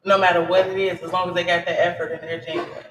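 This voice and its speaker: A woman of thirty, a podcast guest, talking earnestly and relaxed in casual chat. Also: fairly low pitch, fast, recorded from a distance, noisy background. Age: 30s. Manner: relaxed, earnest, talks it through. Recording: echoey room, away from mic.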